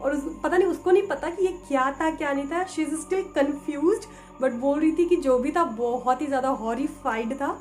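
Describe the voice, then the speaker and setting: A woman's voice: high-pitched, moderate pace. A woman co-hosting a casual vlog, retelling a viewer's ghost story with English words mixed in. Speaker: co-host. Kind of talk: casual horror story chat. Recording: faint music behind the voice.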